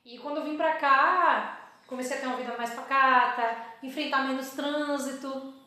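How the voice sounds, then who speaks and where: A woman from Salvador speaks in a fairly high voice, chatting as a dentist guest in a casual interview. She tells her story and acts out her own past remarks as quotes. The sound is very echoey, as in a large bare room. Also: fairly even intonation, moderate pace, sharp tone. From Salvador, Bahia, Brazil.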